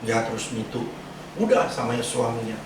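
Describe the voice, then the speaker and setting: Recorded from a distance in an echoey church sanctuary with background noise, a pastor with a mid-range, level voice preaches at a moderate pace. His sermon is casual and chatty, with slang asides and voices he acts out for quotes.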